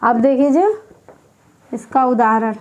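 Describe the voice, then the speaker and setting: A young woman teaches an exam-prep Hindi grammar lesson in a slightly high, expressive voice. She repeats each phrase slowly, as though dictating, while she writes.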